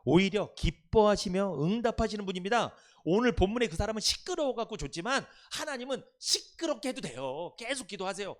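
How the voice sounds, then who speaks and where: Lively Korean pastor preaching. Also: male voice, high-pitched, fairly quick, hardly any pauses. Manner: preaching with questions and repetition to the congregation; lively, rising and dropping loudness. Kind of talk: sermon.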